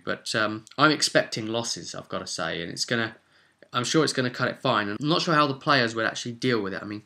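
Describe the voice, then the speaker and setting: Low-leaning and creaky, this British man's voice comes across pushed and bright. Hosting his own vlog as a game master, he chats off the cuff in a loose, unscripted monologue, musing aloud as he goes.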